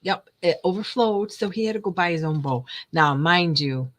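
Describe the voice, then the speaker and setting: A woman's voice: lowish voice, lively intonation, moderate pace. An older woman hosting a casual craft livestream, chatting in a rambling way and laughing often. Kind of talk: casual chat while crafting. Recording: noisy home recording.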